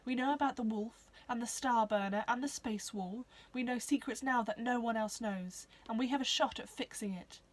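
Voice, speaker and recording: A woman's voice: on the high side, normal speed, hardly any pauses, natural voice. A woman voicing a brave, determined young female alien creature with hooves, speaking urgently and persuasively.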